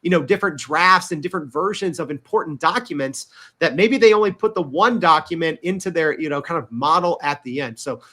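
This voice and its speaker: Emphatic bright-voiced man guest. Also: fairly high pitch, expressive, fairly quick. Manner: emphatic, frequent "right?" and "you know". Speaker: podcast guest. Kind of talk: interview conversation.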